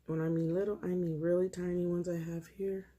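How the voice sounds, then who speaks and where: A woman vlogging at home, chatting in a relaxed way as she works on her nails. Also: on the low side, a little fast. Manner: relaxed, chatty, talks while working. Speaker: nail art vlogger. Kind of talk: casual tutorial chat.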